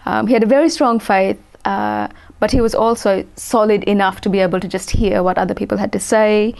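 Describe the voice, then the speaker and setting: A woman in her forties with a gravelly edge to her voice, answering interview questions. She speaks thoughtfully and pauses often with ums, reworking her sentences as she goes. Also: medium pitch, lively intonation, darkish tone. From Sri Lanka. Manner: thoughtful, many ums and restarts. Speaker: guest. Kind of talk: interview conversation.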